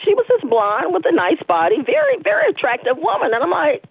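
A woman's voice: high-pitched, huge pitch swings, fairly quick, dry recording. A woman calling into a radio show over the phone, talking animatedly and close to the receiver. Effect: heard over a phone line. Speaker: radio call-in guest. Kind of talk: casual phone chat. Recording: tinny phone line.

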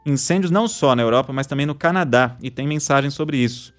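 A man's voice: medium pitch, fairly quick, soft background music. A man hosting a news podcast, reading stories and listener messages in a scripted style. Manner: reads listener messages aloud.

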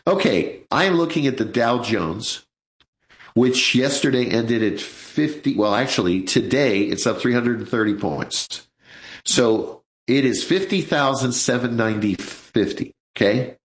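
A man's voice: medium pitch, animated, unhurried, echoey room, poor audio. A man in his sixties hosting a live financial radio show, chatting in a folksy way and calling his listeners folks. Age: 60s.

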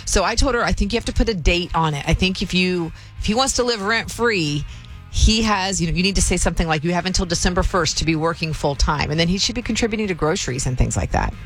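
A woman's voice: on the low side, expressive, fast talker, soft background music. Chatty woman co-hosting morning radio. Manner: reads listener messages aloud, chatty and direct. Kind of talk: casual radio banter. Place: radio studio.

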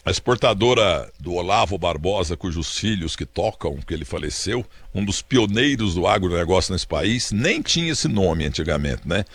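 A man's voice: low voice, animated, normal speed, few pauses, a bit bright. A man from the countryside of southeastern Brazil with a Brazilian caipira accent, chatting casually as an interviewer. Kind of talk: casual chat.

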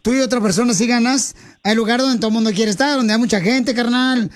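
High-voiced rowdy male radio host. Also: brisk. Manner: rowdy, teasing, heavy on slang. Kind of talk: joking radio banter with a caller. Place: radio studio.

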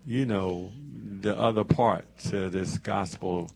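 A man's voice: deep voice, steady tone, slow, creaky, a little mellow. A man in his seventies hosting a church radio show from the studio, talking in an easy preacherly way and dropping amens as he goes. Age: 70s. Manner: preacherly, peppers talk with amens. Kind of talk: casual church radio talk.

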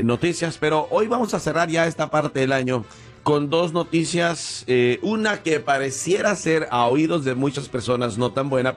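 A man hosting a talk show, chatting with a guest and asking friendly questions. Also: mid-range voice. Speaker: radio host.

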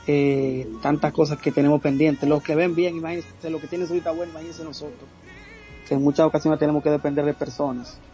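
Hesitant Dominican man, fairly high voice. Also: flat delivery, mellow, highs cut off, faint music behind. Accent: Dominican Spanish. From Dominican Republic. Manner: halting, many filler sounds. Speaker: guest singer. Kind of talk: casual interview.

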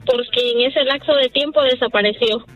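A woman's voice: high-pitched, lo-fi sound. Earnest woman caller. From Honduras. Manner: earnest, measured. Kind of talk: phone-in radio call.

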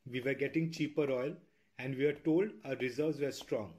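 A man from India, giving a thoughtful, measured listener comment. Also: mid-range voice, steady tone, a little mellow. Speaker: listener sending a message.

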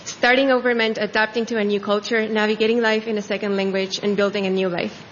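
Woman from Ecuador, measured ceremony speech, muffled sound, faint ambience. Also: mid-range voice, level tone, a little hiss or hum. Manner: earnest, measured phrasing. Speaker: new citizen giving a speech. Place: large tent at an outdoor ceremony. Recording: dull audio with faint ambience.

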